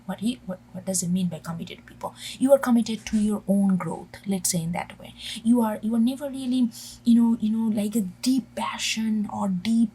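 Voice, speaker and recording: Breathy, hushed woman giving a tarot reading. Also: mid-range voice, poor audio. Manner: halting, with many restarts and soft half-whispered phrases. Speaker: tarot reader. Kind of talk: intuitive tarot reading to camera.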